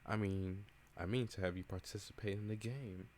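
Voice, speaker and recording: A man reading the lines of a mysterious masked male captain, slow and measured, in a game read-along. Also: fairly low pitch, fairly even intonation, a little mellow, a little hiss or hum, close to an everyday voice. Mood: cold. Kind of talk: reading a game aloud in voices.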